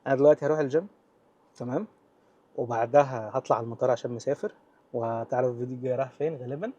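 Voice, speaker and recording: A man's voice: medium pitch, very fast, mellow, breathy edge, lo-fi sound. A man in his twenties with an Egyptian accent talking naturally without a script, informal and direct as if to a friend, mixing in English terms. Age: 20s. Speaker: vlogger giving business advice. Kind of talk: natural unscripted talk to camera, casual.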